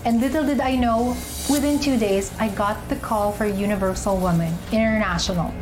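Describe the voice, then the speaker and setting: A young woman, an actress and pageant contestant, candidly recounting her personal journey in an interview, often pausing to find her words. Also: medium pitch, rough recording. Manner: candid, searching for words with fillers and restarts. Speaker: interviewee, actress and beauty queen. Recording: music bed underneath.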